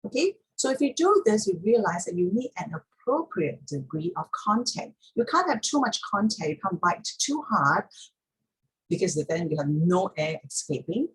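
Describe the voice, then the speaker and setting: A woman's voice: on the low side, big pitch swings, moderate pace, breathy edge, poor audio. A woman teaching pronunciation step by step in an instructional talk, repeating key points for emphasis.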